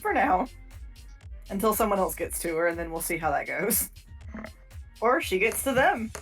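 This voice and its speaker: A woman with a mid-pitched, very lively voice runs a tabletop game. Her delivery is casual and playful as game master, with light music underneath. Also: moderate pace.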